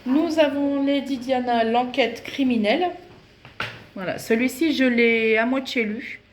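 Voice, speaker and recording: A woman's voice: fairly high pitch, measured pace. A woman vlogger chatting casually and hesitantly as she shows off her books, with many fillers. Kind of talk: casual book show-and-tell. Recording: echoey room with faint noise.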